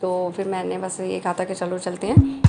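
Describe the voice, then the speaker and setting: A woman in her thirties narrating a family vlog in a chatty, easygoing way, with frequent fillers and pauses. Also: on the low side, monotone, vocal fry, loud music behind the voice. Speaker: family vlogger. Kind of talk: casual voice-over narration.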